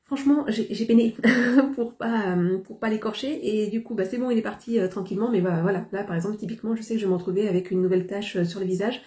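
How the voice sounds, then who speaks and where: A woman's voice: medium pitch, fast, few pauses, dark tone. A young woman chatting casually to camera about her shopping haul, hesitant and full of fillers. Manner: hesitant, many fillers and restarts. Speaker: haul vlogger.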